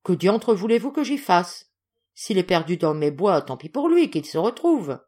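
A woman reading aloud as a gruff, hot-tempered old general, blustering and exclaiming. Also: high voice, very animated, normal speed, darkish tone. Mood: grumbling.

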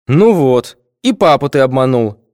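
A man's voice: mid-range voice, sing-song, measured pace, darkish tone, no echo, studio quality, pitched above the performer's own voice. A man voicing a pompous male district official who lectures with mocking sympathy. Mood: reproachful.

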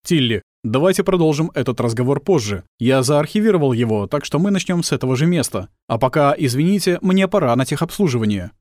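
A man voicing a polite, confused male household robot who speaks in a slow, measured, formal way. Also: mid-range voice, animated, darkish tone, dry recording, studio quality, close to an everyday voice.

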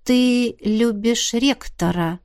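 A woman voicing an impulsive young woman necromancer who speaks in a quick-tempered, emphatic, exclaiming way. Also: on the high side, a little mellow. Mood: insistent. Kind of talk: audiobook character reading.

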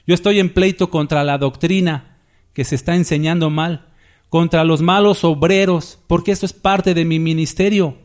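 High-voiced man preaching emphatically. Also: fairly even intonation, moderate pace, a little mellow. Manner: emphatic, with rhetorical questions to the congregation. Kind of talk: sermon.

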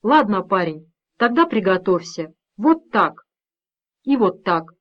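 A calm, steely middle-aged father who speaks evenly and with quiet menace, as a woman reader gives him voice. The storybook reading has a slightly dull, lo-fi sound. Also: mid-range voice, takes it slowly. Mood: calm, firm.

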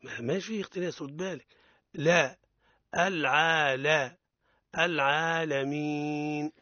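A man's voice: mid-range voice, moderate pace, fairly bright tone, slightly rough, dry recording, muffled recording. A man with a Tunisian accent teaching Quran recitation on radio, correcting pronunciation and modelling words for students to repeat. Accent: Tunisian Arabic.

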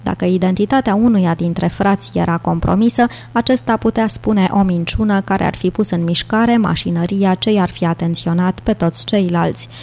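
A woman reading an audiobook with steady, even storytelling. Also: on the low side, creaky, few pauses. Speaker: audiobook narrator. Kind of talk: scripted audiobook narration.

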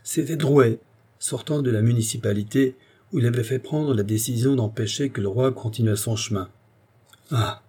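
A man narrating a classic novel as an audiobook, with expressive, theatrical delivery. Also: mid-range voice, normal speed, slightly rough.

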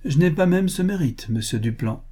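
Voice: mid-range voice, expressive, moderate pace, warm tone, slightly rough, pitched above the performer's own voice. A man reading the part of a reserved middle-aged count who answers in a dry, restrained way.

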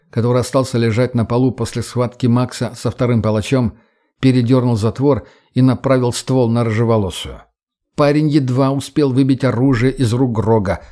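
A male audiobook narrator telling a tense story in a steady, dramatic way. His voice is warm and mellow and sits at a middle pitch.

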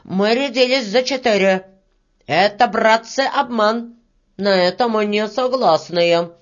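A woman's voice: on the low side, animated, slow, a bit bright, exaggerated voice. A woman voicing a small, stubborn red-haired peasant man who talks bluntly and defiantly. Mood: indignant. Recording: dull lo-fi recording.

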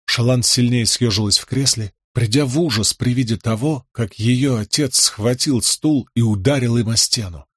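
A man reading fantasy fiction aloud in steady, measured audiobook narration. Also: mid-range voice, breathy edge, no echo, clean studio sound. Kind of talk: scripted narration.

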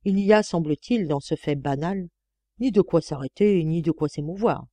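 A woman narrating a literary audiobook in a measured, expressive reading. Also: on the low side, no room sound. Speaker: audiobook reader.

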